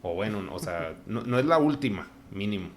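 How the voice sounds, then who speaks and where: A man's voice: fairly low pitch, animated, normal speed, slight background noise. A man with a northern Mexican accent chatting on a podcast, laughing often as he mimics phrases. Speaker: podcast guest. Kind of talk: casual chat.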